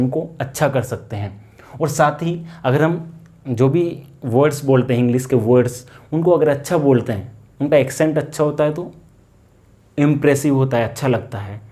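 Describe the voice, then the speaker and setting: A man's voice: mid-range voice, warm tone. A man with an Indian accent teaching English grammar in a lesson, asking questions and answering them himself and repeating key words. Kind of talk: classroom-style grammar lesson.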